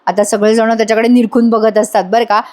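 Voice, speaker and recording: A woman's voice: fairly high pitch, little pitch movement, quick pace, dark tone. A woman narrating a voice-over recap of a TV serial episode in a chatty, amused way.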